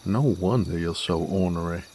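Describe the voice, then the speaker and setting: Here a man plays an amiable, teasing cowboy drifter, a smooth-talking werewolf bounty hunter who wanders the West, speaking a monologue to the listener in an audio roleplay. His low, mellow voice sounds natural and has an American Southern/Western drawl, folksy, courteous, wordy and unhurried. There's a little hiss or hum.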